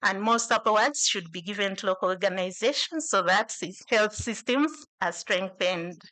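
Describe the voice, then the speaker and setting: A woman's voice: mid-range voice, moderate pace, bright, forceful tone, rough recording. A woman giving a conference presentation from slides at a podium, with fillers and self-corrections. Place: large conference hall.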